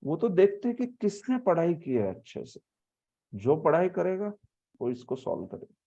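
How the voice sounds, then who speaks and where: A man leading a scripture class who explains by example and sounds out words slowly. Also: on the high side, very animated, gravelly, mellow, breathy edge. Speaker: spiritual teacher. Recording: muffled lo-fi audio.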